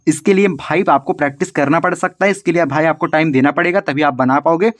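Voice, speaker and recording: A man leads a casual spelling lesson. He speaks to his viewers as friends and students and repeats each word slowly while he sounds it out. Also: a little high. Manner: talks to viewers directly as brother and kids, repeats words slowly. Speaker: English tutor on a video channel.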